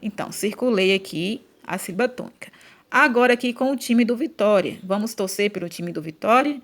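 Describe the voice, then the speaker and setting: A woman's voice: medium pitch, brisk. A woman with a Brazilian Portuguese accent teaching a grammar lesson for children, speaking patiently and stretching out syllables when she chants example words.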